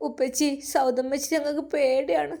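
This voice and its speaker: A woman's voice: high voice, level tone, moderate pace, mellow, voice pushed up. A woman voicing a timid small girl who misses her mother, in a whining, childlike way. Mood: wistful.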